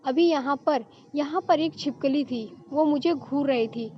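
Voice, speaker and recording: Woman reading a teasing giggly young woman, high-pitched, storybook, muffled lo-fi recording. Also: a little slow.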